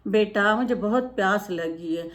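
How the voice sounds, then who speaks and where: A woman voicing a patient, loving elderly mother in a retold moral story, speaking gently and pleadingly. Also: medium pitch, measured pace, natural voice. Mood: gentle.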